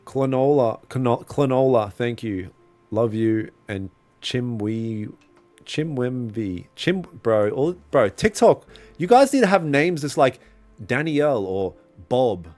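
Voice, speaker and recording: A young Australian man livestreams his trading, chatting casually with viewers in slangy, laid-back fashion as he reads and answers their comments. His medium-pitched, darkish voice has lively intonation and an unhurried pace, with faint lo-fi music playing in the background.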